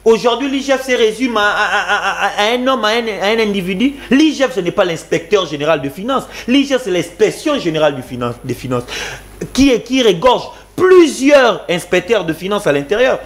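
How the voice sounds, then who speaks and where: A man from Congo speaks with a high, ringing voice. He argues hotly and repeats himself for emphasis. He slips between French and Lingala as he goes. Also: sing-song, a little fast. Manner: fiery, repetitive, mixes French and Lingala. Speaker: guest commentator. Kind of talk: impassioned political talk.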